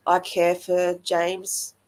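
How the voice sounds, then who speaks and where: Heartfelt Australian woman, fairly low voice. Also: completely flat delivery, extremely slow, low-quality recording. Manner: earnest and heartfelt, with frequent restarts. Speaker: sitter in a tarot reading. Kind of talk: emotional live-stream chat.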